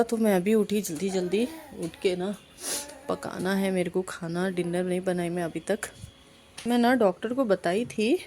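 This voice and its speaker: Brief: young Hyderabadi mom vlogger, hoarse, chatty and brisk, middle pitch, faint home noise. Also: female voice. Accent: Hyderabadi Urdu. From Hyderabad, India. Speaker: family vlogger and mother. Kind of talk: casual vlog narration. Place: home, indoors.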